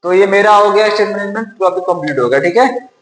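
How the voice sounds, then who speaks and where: A man's voice: high-pitched, fast talker. A man teaching a lesson, repeating key points and asking and answering his own questions. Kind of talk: classroom-style lecture. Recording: roomy echo with long reverb.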